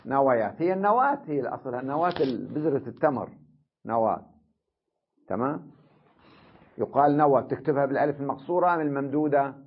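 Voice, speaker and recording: A man teaches a classroom grammar lesson in a husky, slightly breathy voice. He explains step by step and keeps checking that his students follow. The recording is dull and lo-fi. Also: medium pitch, lively intonation, fast, pauses often. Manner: explains step by step, asks the class "tamam?" often.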